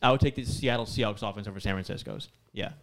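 A man's voice: on the low side, quick pace, gravelly. A hungover man in a casual sports chat, talking emphatically and repeating his points. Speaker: panelist.

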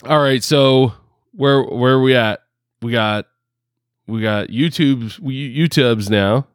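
A podcast host hams up a put-on New York accent during a casual, rambling chat full of fillers and frequent laughs. He speaks slowly in a medium-pitched, clean voice. His headphones and home podcast rig yield studio-quality sound with no room tone.

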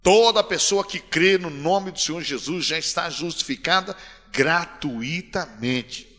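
A male pastor preaching a sermon, swinging from soft to loud and calling on the congregation. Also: on the high side, a little slow. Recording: long hall reverb.

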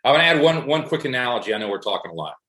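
A middle-aged man speaks at an ordinary mid pitch in a casual faith discussion. He tells stories earnestly and drives his point home by repeating phrases. The recording has a roomy echo. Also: very animated, rapid-fire, a crowd in the background.

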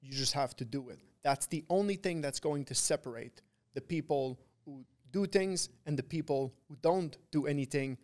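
A fairly high-pitched man with a darkish tone speaks at a moderate pace, hardly pausing. As a podcast guest who trades and runs a trading community, he gives a frat-bro pep talk laced with bro, dude, and swearing, emphatic, preachy, and repeating points for weight in a casual motivational chat.

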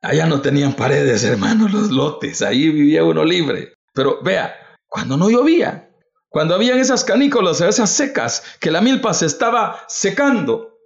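Dull, lo-fi audio carries a livestreamed devotional talk by a man from El Salvador who preaches fervently. His creaky voice moves at a moderate pace with lively pitch, and he repeats rhetorical questions while calling listeners "brother."

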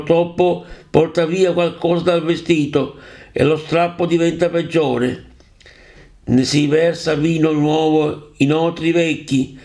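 Male scripture reader, a touch higher-pitched, earnest, stumbling, self-correcting delivery. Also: darkish tone. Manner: earnest, halting, often stumbling and restarting words. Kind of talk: scripture reading aloud.

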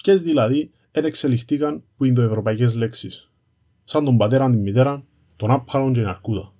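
A man's voice: medium pitch, a little mellow. A man with a Cypriot Greek accent narrates an educational piece in a conversational storytelling style, explaining things informally and directly to the listener. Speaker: presenter of an educational series on language history.

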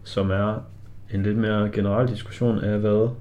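A man's voice: on the low side, flat delivery, noisy background. A man with a Danish accent, co-hosting a podcast in loose, casual film conversation. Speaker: podcast co-host.

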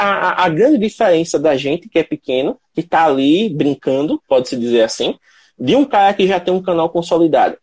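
A man's voice: on the high side, darkish tone, husky. A man with a Brazilian accent, hosting a mobile photography channel, who talks emphatically and asks rhetorical questions. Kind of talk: live chat on a stream.

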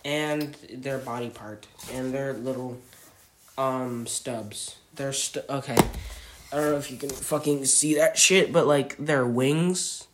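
A man's voice: medium pitch, fairly even intonation, slow, background noise. Rambling, foul-mouthed teen boy. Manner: rambling, swears constantly, mumbles to himself. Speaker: podcast co-host. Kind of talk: casual podcast chat while drawing.

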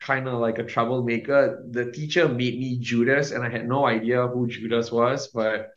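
A young man tells his story with lots of "like" and "um", stopping and restarting as he goes. His voice sits at a middling pitch and sounds roomy, with a dull, lo-fi sound. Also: steady tone, moderate pace. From Singapore. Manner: rambling, many fillers and restarts, laughs often. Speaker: guest. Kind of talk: casual testimony.

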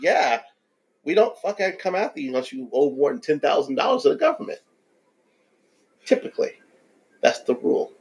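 Loud, laughing man with a lively voice. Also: fairly high pitch, brisk, pauses often, poor audio. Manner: loud laughing, teasing, crude jokes. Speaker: podcast guest. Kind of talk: casual podcast chat.

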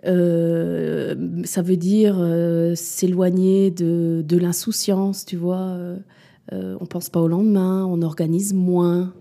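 Taking it slowly in a mellow voice on the low side, with a level tone, a mother in her forties who runs a business reflects openly on interview questions. She hesitates often, filling pauses and restarting her sentences.

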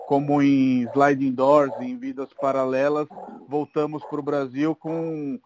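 A man's voice: mid-range voice, level tone, slow, darkish tone, a little hiss or hum. A man in his thirties hosting a podcast, chatting in a friendly, agreeable way and dropping in English words. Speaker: podcast host. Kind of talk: casual podcast chat.

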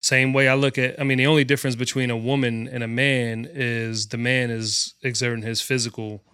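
Male podcast co-host, mid pitch, blunt and profane, rambling casual delivery, dry close mic. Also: little pitch movement, brisk, sharp tone, clear, resonant tone, no echo.

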